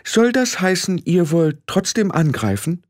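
A fussy, anxious old witch, put on by a man reading an audiobook, frets and scolds. Her voice sits well above a man's usual pitch. The recording is dry and close. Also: sing-song, unhurried, no room sound. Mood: doubtful. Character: elderly fussy witch woman, anxious and proper. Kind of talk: audiobook character voice.

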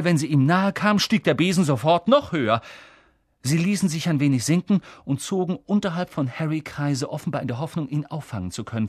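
Husky male audiobook narrator. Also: fairly high pitch, no echo, clean studio sound. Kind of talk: scripted narration.

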